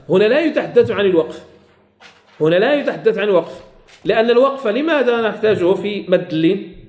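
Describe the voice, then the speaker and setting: A man's voice: high voice, a little mellow, roomy sound. A man teaching a classroom lesson on Quran recitation rules, repeating key phrases and quizzing his students.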